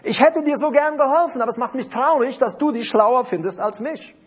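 Sorrowful, gentle spirit, pleading in a high, husky voice, as a male preacher puts it on. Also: a little fast.

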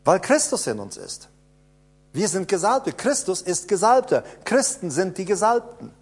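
A man delivers a sermon in a high, very animated voice that climbs and drops through wide swings. He asks his listeners rhetorical questions and repeats key phrases for emphasis. His delivery moves between hushed, close lines and sudden loud bursts. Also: a little slow, husky. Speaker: preacher.

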